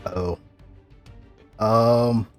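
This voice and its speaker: A man's voice: fairly low pitch, steady tone, very slow, soft background music. A man chatting casually as a player at a tabletop game, talking through his moves.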